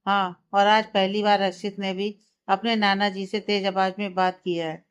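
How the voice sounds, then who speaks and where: A woman's voice: mid-range voice, level tone, normal speed, clean tone, natural voice. A woman voicing a middle-aged mother. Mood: light.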